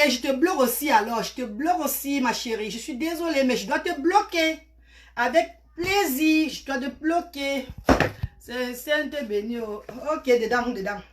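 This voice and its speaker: A woman, selling products on a casual live stream in loud sing-song sales calls with chatty asides to commenters. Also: a little high. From Cameroon. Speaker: online seller on a live stream.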